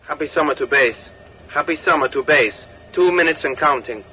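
A man's voice: a little high, normal speed, pushed and bright. An actor playing a male aircraft crewman calling his base over a radio, in clipped procedure talk. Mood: businesslike. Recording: dull lo-fi radio line with faint noise.

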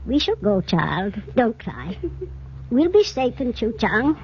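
An actress playing a frail old grandmother in a radio drama, speaking slowly with a quavering, tender voice. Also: a little high, expressive, a little hiss or hum. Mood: soothing. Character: frail old grandmother, fearful then gently soothing. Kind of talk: 1940s radio acting. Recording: muffled old radio recording.

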